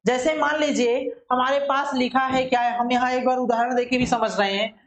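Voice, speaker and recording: Woman teacher from india, stretches syllables out slow to demo them, quizzes herself out loud, kinda echoey room. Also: high voice, fairly even intonation. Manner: asks rhetorical questions and answers them herself; slowly drawn-out demonstration syllables. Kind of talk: classroom-style lesson.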